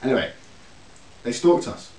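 A man's voice: normal speed, darkish tone. A young man from England, one of the vloggers, telling crude, laughing stories in casual chat with friends. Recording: echoey room, far from the mic, faint hiss.

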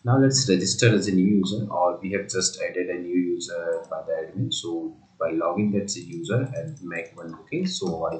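A man with a very low voice explains a software project step by step, pausing often on fillers and restarting sentences. The sound has a noticeable room echo, like a home desk setup. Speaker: software tutorial presenter. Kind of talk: screen-recorded coding walkthrough.

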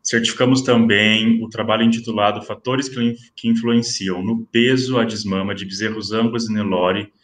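A man presenting at an online academic event, reading out award certificates in a formal, steady listing manner. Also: on the low side, normal speed, hardly any pauses, roomy sound. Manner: steady listing of titles and names.

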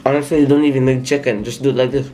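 A man's voice: mid-range voice, steady tone, racing, warm tone, soft background music. A man talking while chewing, in an enthusiastic, rambling food vlog. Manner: enthusiastic, rambling with many fillers. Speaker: food vlogger. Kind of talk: casual food review vlog.

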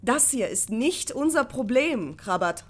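A woman's voice: on the high side, animated, measured pace. A woman voicing a proud, scornful young woman in an audiobook, speaking dismissively.

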